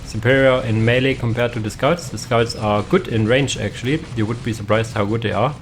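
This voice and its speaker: A man's voice: medium pitch, steady tone, fairly quick, a little hiss or hum. A young man giving casual, hesitant commentary on a strategy game match, with many fillers and restarts. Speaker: caster.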